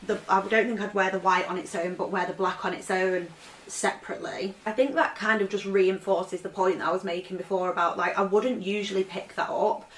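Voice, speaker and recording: A fashion vlogger at home rambles through a vintage clothing haul, peppering her talk with "like." Her mid-range voice, a little quick, keeps fairly even intonation. The audio has roomy echo, a faint hiss or hum, and her voice sounds off-mic.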